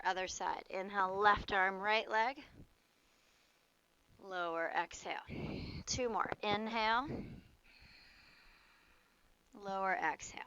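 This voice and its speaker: A woman instructor guiding a warm-up yoga class outdoors, giving short cues for moves and breath in a casual, playful way. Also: medium pitch, clear, resonant tone, highs cut off.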